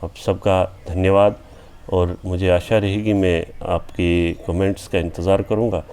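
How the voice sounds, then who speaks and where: A man from India who hosts a channel, reciting his own poem with repeated refrains and then talking about it plainly, pausing on "a" fillers. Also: sits low, little pitch movement, dark tone, clean tone. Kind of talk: poetry recitation with spoken commentary.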